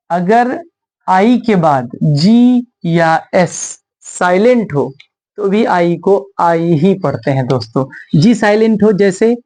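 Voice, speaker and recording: Patient man spelling out words slowly. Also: sits high, darkish tone. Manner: spells out letters and repeats each example word deliberately; addresses viewers as friends in a patient, explaining tone. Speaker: English pronunciation teacher. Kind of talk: video lesson.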